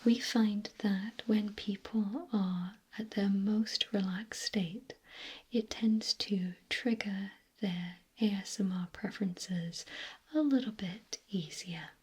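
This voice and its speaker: A woman in a whispered role-play as a clinic examiner, speaking gently in a breathy, unvoiced whisper. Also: mid-range voice. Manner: slow, gentle, softly questioning. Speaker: ASMR performer playing a clinic examiner.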